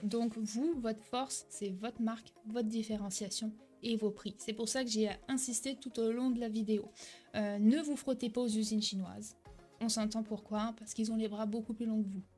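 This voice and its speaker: A woman's voice: fairly high pitch, fairly even intonation, normal speed, warm tone, faint music behind. A young woman giving a direct-to-camera tutorial as an online selling coach, talking energetically with frequent "ok?" check-ins and a few hesitations and self-corrections.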